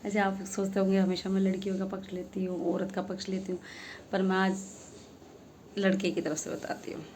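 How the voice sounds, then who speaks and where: A woman's voice: medium pitch, level tone, brisk, darkish tone, a little hiss or hum. Earnest woman telling a heartfelt story. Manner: earnest, emphatic, with rhetorical questions. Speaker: social media creator.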